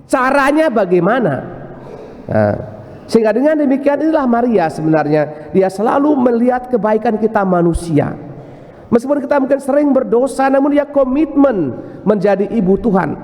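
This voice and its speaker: Male priest, high voice, storytelling sermon that acts out its characters, church hall reverb. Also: animated, normal speed, a little mellow.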